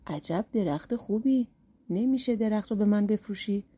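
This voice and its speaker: Naive shepherd guy, eager and easily fooled, husky dark voice, lady reading. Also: medium pitch, lightly acted. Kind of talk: storybook narration.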